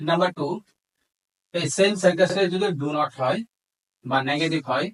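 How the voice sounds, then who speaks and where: A teacher with a Bangladeshi accent gives an instructional grammar lesson, explaining in Bengali and methodically dictating English examples word by word. His voice is fairly high-pitched, his pace moderate, and the recording is rough.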